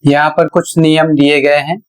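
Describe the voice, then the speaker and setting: A man teaching a pronunciation lesson, spelling words out letter by letter in a deliberate way. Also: a little high, level tone.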